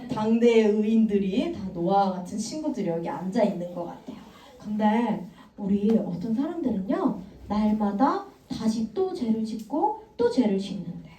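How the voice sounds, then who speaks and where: Animated woman preaching to small children. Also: on the high side. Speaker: children's church evangelist. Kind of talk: children's sermon. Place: church room. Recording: echoey room, mic far off.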